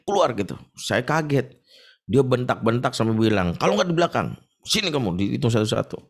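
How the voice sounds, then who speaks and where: A middle-aged man from Indonesia, giving an Islamic lecture full of stories and acting out shouting voices. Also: fairly low pitch. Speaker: preacher.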